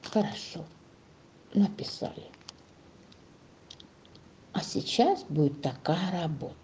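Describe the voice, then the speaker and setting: A woman leads a young class through a lesson, her pitch swinging up and down as she coaxes answers from the pupils. Her voice is mellow and soft-edged, and she stretches out key words slowly while dictating. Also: lively intonation, a little hiss or hum. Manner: slow, drawn-out dictation to young children; coaxing, sing-song questioning. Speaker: primary school teacher.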